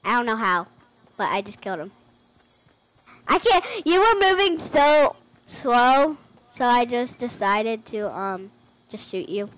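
A woman streaming an online shooter, chatting casually and shrieking with excitement during fights. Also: a little high, a little slow, long pauses. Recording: noisy home stream audio.

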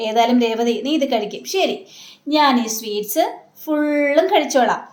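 A woman's voice: high voice, animated, normal speed. A woman reading the lines of a young husband who teases and defends himself, in an echoey room. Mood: defensive. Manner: plain retelling of a man's lines.

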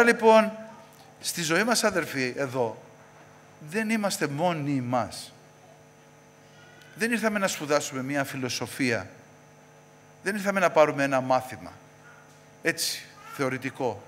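A man preaching a sermon in a church, repeating questions and answering them with rising force, then dropping to a low voice. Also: a bit bright, big-room sound, slight background noise.

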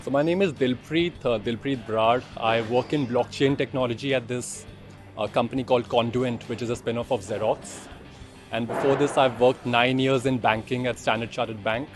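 A man in his thirties giving a steady account in a street interview. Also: mid-range voice, moderate pace, over music. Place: outdoors on a city street.

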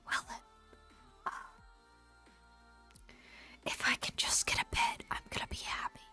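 Streaming a game, a woman whispers ASMR-style and dramatically complains about her suffering, full of self-pity, as live gameplay commentary. Her delivery is unhurried, pushed and bright, with faint music in the background.

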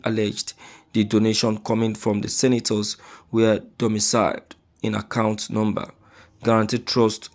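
A man's voice: mid-range voice, gravelly, darkish tone. A man with a Nigerian accent presenting news as a sensational tabloid host, repeating phrases for emphasis. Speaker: online news commentator. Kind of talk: tabloid-style news reading and commentary.

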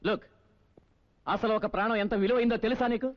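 An actor playing an exasperated senior police officer in a dubbed film, lecturing a subordinate. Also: male voice, very high-pitched, steady tone, brisk, dull audio. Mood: scolding. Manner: scolding, lecturing. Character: stern, exasperated male police superior.

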